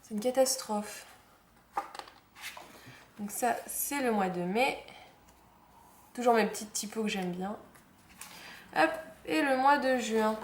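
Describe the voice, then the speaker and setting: A woman's voice: on the high side, slow pace, pauses often. A young woman chatting casually through a planner unboxing, fond of the cute details and saying "hop" as she turns each page. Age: young adult. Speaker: planner vlogger. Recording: echoey room with faint noise.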